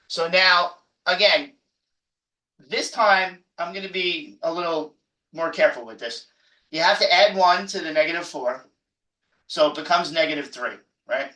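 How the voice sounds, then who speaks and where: A man's voice: on the high side, bright, forceful tone. A man professor giving an exam review lecture, emphatic and jokey, often repeating himself. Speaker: math professor. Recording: echoey room, mic far off.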